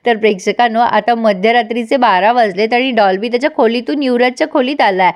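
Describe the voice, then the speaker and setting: A woman with a fairly high voice talks through a TV episode in a casual recap. She moves briskly from scene to scene and lightly acts out what each character says. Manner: brisk retelling, quoting characters' lines with mild voices. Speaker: TV serial episode reviewer.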